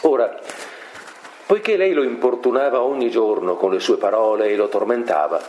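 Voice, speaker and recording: A man reading a scriptural story aloud in a steady, solemn way, recorded in an echoey room with faint noise. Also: mid-range voice, moderate pace. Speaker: reader.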